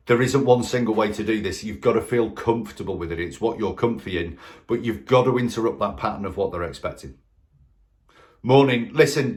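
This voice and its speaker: Brief: male sales trainer, emphatic and direct, coaching in a talk to camera with rhetorical questions. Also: lowish voice.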